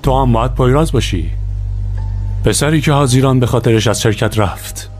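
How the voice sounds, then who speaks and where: Guy dubbing a condescending rich villain, smooth and smug, music under it. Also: mid-range voice, darkish tone, close to an everyday voice. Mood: mocking. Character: smug, scheming male business rival. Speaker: scheming businessman in a dubbed TV drama. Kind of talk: dubbed TV drama acting. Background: background music.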